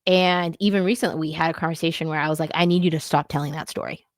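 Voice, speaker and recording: A woman's voice: deep voice, steady tone, fast talker, dry recording, clean studio sound. A woman co-hosting a podcast, talking about marriage in an earnest, reflective way with loose, easygoing phrasing. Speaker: podcast co-host. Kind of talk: candid casual chat about marriage.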